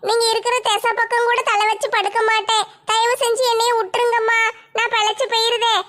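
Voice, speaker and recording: A woman's voice: very high-pitched, flat delivery, a bit bright. A woman voicing a village woman beaten in a brawl, crying and begging for mercy. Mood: wailing. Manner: crying, begging, drawn-out wails. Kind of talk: one-woman comic skit.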